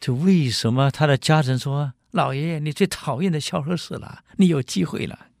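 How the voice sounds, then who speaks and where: A man's voice: a little high, normal speed, creaky, no room sound, clean studio sound. A man who lectures on management through history, telling stories and acting out their scenes. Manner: lively, acts out scenes, explains asides. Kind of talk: animated storytelling lecture.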